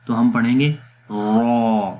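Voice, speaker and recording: Man, Quran reading teacher, calm explanatory voice-over, step-by-step, mid pitch. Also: muffled recording. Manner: patient step-by-step explaining, mixes English words, pauses with fillers; slow drawn-out demonstration syllables. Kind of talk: explanatory lesson with recitation drills.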